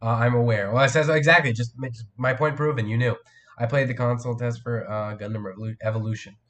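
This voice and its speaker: A teenage boy with a cold hosts a casual live stream, rambling loosely and answering chat with lots of fillers and restarts while his voice cracks. He talks fast, with a mid-range, slightly bright voice and fairly even intonation.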